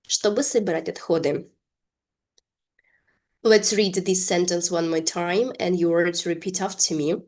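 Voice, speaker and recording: A woman leads an English lesson at a slow, unhurried pace. She explains each word carefully and repeats phrases so learners can follow along. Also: on the low side. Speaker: English teacher. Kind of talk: bilingual language lesson.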